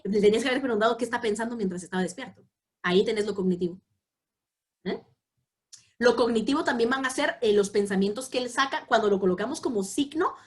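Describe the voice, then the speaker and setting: Female lecturer running a class, explanatory, stops often to check understanding. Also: fairly high pitch. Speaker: psychology lecturer.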